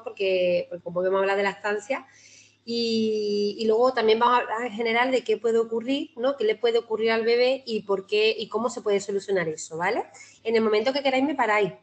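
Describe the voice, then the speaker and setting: A woman's voice: on the high side, fairly even intonation, fast. Chatty Spanish woman giving an online talk. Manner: chatty, warm-hearted, frequent "¿no?" tags and restarts. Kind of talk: informal talk to a breastfeeding group. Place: video call.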